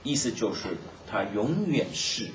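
A man preaching a Bible teaching sermon, explaining in a lively way and mixing in English terms. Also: medium pitch, measured pace. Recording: echoey, distant mic, noisy room.

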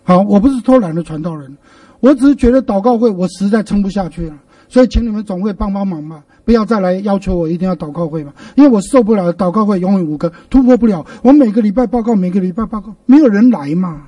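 High-voiced pastor preaching, distant. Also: male voice, fast talker, hardly any pauses, no echo. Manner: lively storytelling with rhetorical questions. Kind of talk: sermon.

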